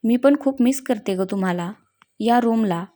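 A woman's voice: on the high side, moderate pace, mellow, natural voice. A woman voicing a fond, bossy young bride. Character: newly married young woman, warm and bossy with friends.

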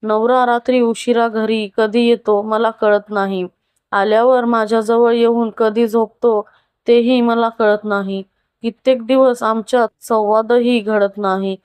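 A woman voicing a wealthy, lonely, unhappy middle-aged wife who confides slowly and from the heart in a storybook tale. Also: on the high side, level tone, a little mellow, clear, resonant tone, no echo, lightly acted. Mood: bitter confiding.

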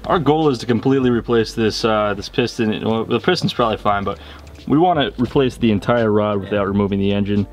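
A man's voice: lowish voice, fairly quick. A young man hosting a car-repair vlog outdoors, talking to the camera in a casual, profane way as he works. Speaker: channel host. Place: outdoors on a street beside a car.

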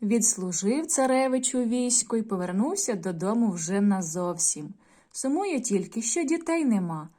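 A woman teacher in a video lesson, reading a folk tale aloud and addressing the children in a clear, measured storytelling manner. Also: a little high, expressive, warm tone. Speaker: primary school teacher.

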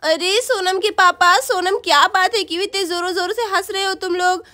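Brief: woman playing a harried village mother in a storybook doll tale; scolding but fond, talking fast. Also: extremely high pitch, fairly even intonation, sharp tone. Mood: hurried. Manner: scolding, hurried.

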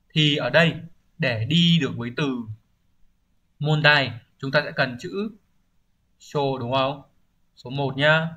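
A man with a mid-range, sharp-toned voice teaches Japanese vocabulary for exam preparation. He explains the reasoning behind each answer and regularly checks understanding through rhetorical questions.

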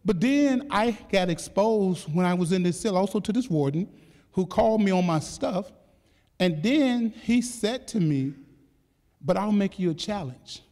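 A man's voice: high-pitched, expressive, a little slow, darkish tone. An older man giving a keynote talk, telling his story animatedly, laughing and joking with the audience. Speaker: keynote speaker. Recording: echoey hall reverb.

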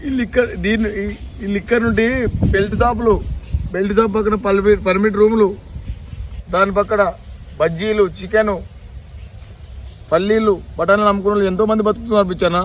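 A high-voiced, wailing liquor lover, played by a man in a village comedy sketch. He speaks with a Telangana Telugu accent and pleads in long, rambling complaints. Faint noise sits under the voice. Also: steady tone, a little fast, long pauses, close to an everyday voice. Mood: lamenting. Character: grieving man lamenting his beloved liquor.

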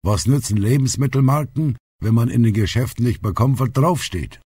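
A man reading an audiobook, voicing a blunt, outspoken old grandfather who is gruff but loving. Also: mid-range voice, moderate pace, mellow, voice pushed up, natural voice. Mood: sarcastic. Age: older. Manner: blunt, plainspoken.

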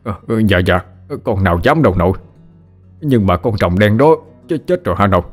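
A man voicing a rough-tongued middle-aged father who stammers excitedly. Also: on the low side, a little fast, big-room sound, soft background music. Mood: flustered.

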